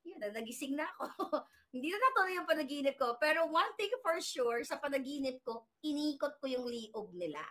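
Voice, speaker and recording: A woman's voice: sits high, brisk. A woman vlogger from the Philippines casually recounting a dream in a chatty, rambling way, with many restarts and fillers. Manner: animated retelling of a dream. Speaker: political commentary vlogger. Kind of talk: casual storytelling monologue.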